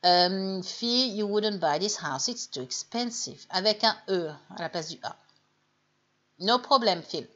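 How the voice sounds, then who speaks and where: A woman teaching English on a live stream in French. She chats with viewers, reads their names, corrects them gently and says the English model phrases slowly. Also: mid-range voice, expressive, dull audio.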